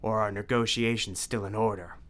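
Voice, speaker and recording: A man's voice: fairly low pitch, fairly even intonation, fairly quick, a bit bright, close to an everyday voice. A man voicing a menacing, theatrical male vampire count who sneers and mocks. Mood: mocking. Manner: sneering, mocking, grandiose.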